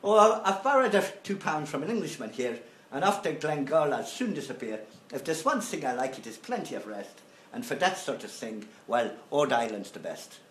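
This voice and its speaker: Man doing a lazy, homesick Irish lad, put-on Irish brogue slipping Scottish, sing-song, lively pitch. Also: normal speed, echoey room, slight background noise. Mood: wistful. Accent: put-on Irish drifting to Scottish. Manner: recited song lyrics, sing-song.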